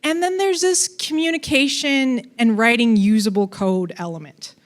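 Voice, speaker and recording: A woman's voice: fairly high pitch, normal speed. A woman giving a conference talk on coding, casual and playful, with fillers and asides. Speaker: conference speaker.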